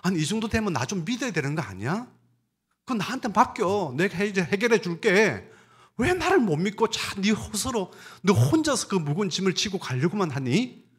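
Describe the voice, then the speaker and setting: A man voicing a gently pleading male Lord figure who asks reproachful, coaxing questions within a sermon. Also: high-pitched, sing-song, moderate pace, breathy edge, pitched above the performer's own voice, full character voice.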